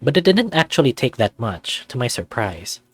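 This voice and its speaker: A man voices a sarcastic, anxious young furry student in a visual novel, narrating with wry, self-deprecating, conversational musing. His medium-pitched voice is very animated and slightly rough at a moderate pace, with no echo and faint music in the background.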